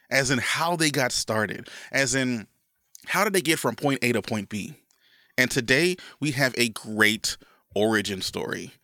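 This man's medium-pitched voice comes across pushed and bright in a studio-quality recording free of room sound. Hosting a casual podcast intro and interview, he sounds a bit stuffy from a cold and talks enthusiastically, rambling and restarting.

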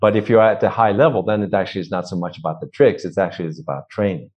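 A man's voice: low-pitched, steady tone, rapid-fire, breathy edge. A man working as a vocal coach, explaining technique in an interview and demonstrating points with his own voice. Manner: instructive, demonstrates voice techniques aloud. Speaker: vocal and performance coach, guest. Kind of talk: interview conversation. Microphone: cheap microphone. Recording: dull lo-fi microphone.

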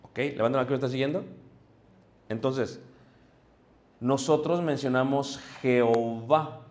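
This sermon comes from a man whose medium-pitched voice is a little mellow, recorded in a room with noticeable echo. He teaches his congregation patiently, speaking straight to them. He frequently stops with an "ok?" to confirm they're keeping up.

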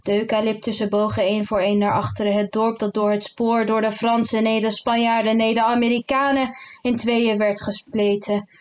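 A woman reading a literary novel aloud in a calm, measured way. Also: a little high, smooth. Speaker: narrator. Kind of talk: literary audiobook narration.

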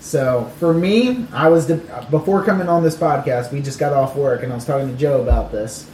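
A man's voice: medium pitch, moderate pace, darkish tone, roomy sound, distant mic, slight background noise, rough recording. A man chatting as a podcast guest, joking and playfully argumentative over beers. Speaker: podcast guest, baseball front office staffer. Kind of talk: casual chat over beers.

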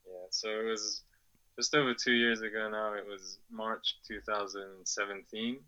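A man in his twenties from Afghanistan, raised in England, gives casual answers as a podcast guest. His lowish voice is steady, bright, and forceful at a moderate pace, recorded with lo-fi sound. He sounds hesitant, laughs often, and uses many fillers and restarts.

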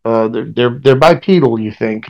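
A man runs a tabletop role-playing game as game master. His mid-pitched voice describes scenes haltingly, assembling them piece by piece as he talks. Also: darkish tone, muffled recording.

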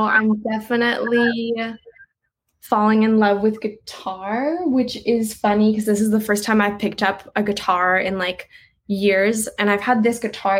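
A woman's voice: medium pitch, slightly rough, low-quality recording. Chatty young woman musician on a call. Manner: chatty, uses "like" a lot, laughs easily. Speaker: guest musician. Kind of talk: casual interview answers.

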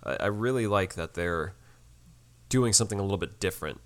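Low-voiced easygoing male co-host. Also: expressive, fairly quick, a bit bright. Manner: easygoing, says "man" a lot, laughs. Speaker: podcast co-host. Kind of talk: casual chat recapping a TV episode.

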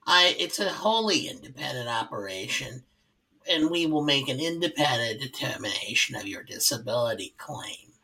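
A man impersonating a droning judge in a put-on Brooklyn accent, slow and hushed. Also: mid-range voice, lively intonation, distant mic, rough recording. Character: droning, monotone male judge reading procedure.

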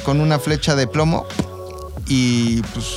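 Speaking in a mid-range voice with a steady tone and a slightly slow pace, a Mexican-accented man co-hosts a podcast about history. He tells it like casual gossip, explaining informally with slang and invented quotes. Music plays behind him.

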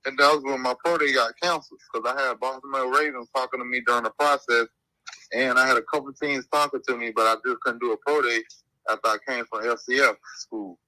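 Man on a speakerphone call, very bright. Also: mid-range voice, steady tone, quick pace, no echo. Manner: strings events together with "and then after that". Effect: phone call played over speakerphone held to the mic. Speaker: guest football player. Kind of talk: casual rambling life story.

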